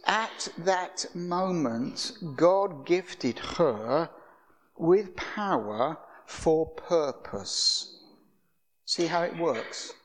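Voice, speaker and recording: An older man giving a sermon as a guest preacher, telling stories in a conversational way with frequent restarts. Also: a little high. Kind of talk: anecdotal sermon.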